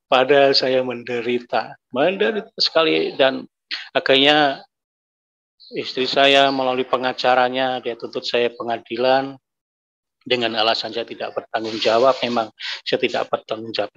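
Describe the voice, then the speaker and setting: A man's voice: medium pitch, vocal fry, a bit bright, slight background noise. A middle-aged man giving an emotional personal testimony, repeating himself and rising to anguished cries. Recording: dull lo-fi recording.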